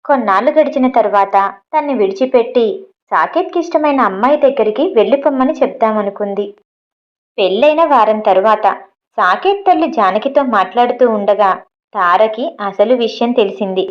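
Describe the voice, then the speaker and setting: A woman narrating an audio novel in a steady storytelling way, in a dull lo-fi recording. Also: a little high, normal speed. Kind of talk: reading an audio novel aloud.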